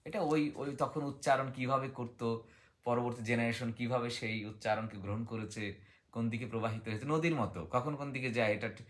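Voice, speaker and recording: Fairly quick and steady in tone, this mid-range male voice belongs to a book discussion guest. He explains like a teacher, occasionally reading aloud and occasionally putting questions forward that he answers himself.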